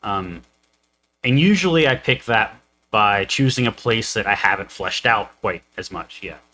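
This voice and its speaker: A man's voice: on the low side, expressive, measured pace, pushed and bright, a little hiss or hum, low-quality recording. A young man co-hosting a casual podcast chat, rambling with lots of fillers and restarts. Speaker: co-host, game master.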